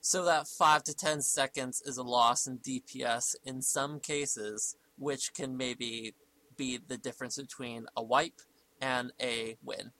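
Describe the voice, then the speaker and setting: Bright, forceful man presenting gaming tips. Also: mid-range voice, fairly even intonation, unhurried, low-quality recording. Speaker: segment presenter. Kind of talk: scripted gaming tips narration.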